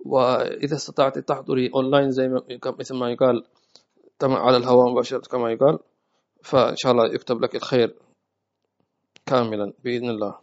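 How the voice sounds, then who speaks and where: A gravelly-voiced man teaching at a rapid clip, his pitch held almost flat. He answers viewers gently and often runs through repeated prayers. The sound is dull and lo-fi, like a home live stream. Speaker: religious teacher.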